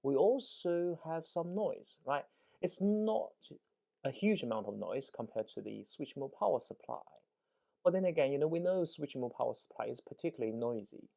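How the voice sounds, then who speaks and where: An EMC engineer presents a technical demonstration informally, repeating words for emphasis and often checking understanding with "right?" and "okay?". His voice is a little high and sing-song, gravelly and dark, at a normal speed.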